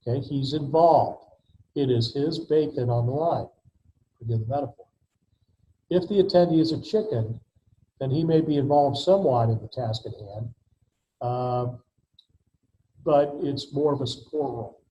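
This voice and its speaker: A man teaches an online class in a relaxed, mellow voice, dropping "okay" and "uh" between points. The audio is dull and lo-fi, like a video call. A faint hiss runs underneath. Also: mid-range voice. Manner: fills pauses with "okay" and "uh". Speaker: adjunct professor. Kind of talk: recorded online lecture. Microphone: video call mic.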